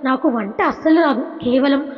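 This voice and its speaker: A woman's voice: high-pitched, moderate pace, lightly acted. A woman voicing a playful, teasing young wife who sulks and coaxes, in a storybook reading. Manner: coaxing and cheeky. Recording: reverberant, dull lo-fi recording.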